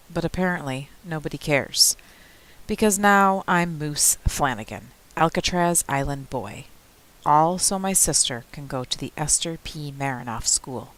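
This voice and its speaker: Expressive woman reading a novel aloud. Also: low-pitched, low-quality recording. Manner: expressive first-person storytelling, lively asides.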